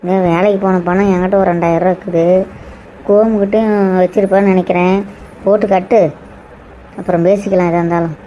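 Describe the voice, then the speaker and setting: A woman voicing a bossy, fast-talking village neighbour. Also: fairly low pitch, steady tone, dark tone, slight background noise, natural voice. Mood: firm. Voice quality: scolding, brisk and commanding. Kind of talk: cartoon drama voice acting.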